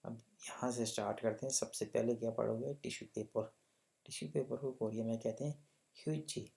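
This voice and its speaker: A man's voice: medium pitch, steady tone, fairly quick, vocal fry, dark tone. A man teaching a language lesson. He explains the textbook patiently, often checks that students follow, and repeats example words for pronunciation. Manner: patient, checks understanding with repeated tag questions.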